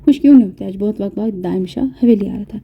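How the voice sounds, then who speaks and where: A woman reading a romance novel aloud in steady, emotive scripted narration with a husky voice. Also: medium pitch, narrow, tinny audio.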